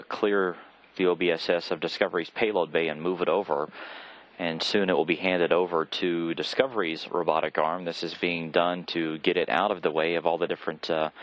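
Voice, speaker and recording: A man giving live explanatory mission commentary in a measured, hesitant way with pauses. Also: deep voice, a bit bright. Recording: slightly dull lo-fi broadcast audio.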